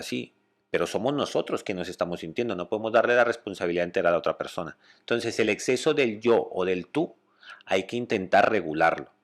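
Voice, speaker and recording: A man with a Spanish accent, a psychologist calmly explaining communication and often checking that listeners follow. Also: fairly low pitch. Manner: calm, explanatory, checks understanding with "¿vale?".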